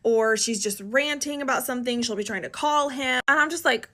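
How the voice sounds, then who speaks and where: A woman's voice: sits high, a little fast, fairly bright tone. A young woman telling a storytime vlog in a casual, emphatic, dramatic way, keeps asking "okay?". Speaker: vlogger.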